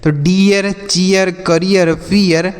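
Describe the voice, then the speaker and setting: Guy teaching kids phonics, spells letters out, bit higher voice, long echo. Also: level tone, slow, clean tone. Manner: spells words letter by letter, asks "what will we read?" and answers himself; calls listeners "children". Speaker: English reading teacher. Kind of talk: classroom-style phonics lesson.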